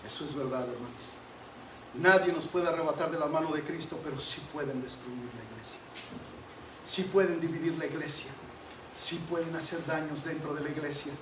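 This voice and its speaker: A man's voice: a little high, moderate pace. A man preaching an emphatic sermon as pastor, repeatedly addressing the congregation as brothers. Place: church sanctuary. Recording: echoey church hall from far off, faint noise.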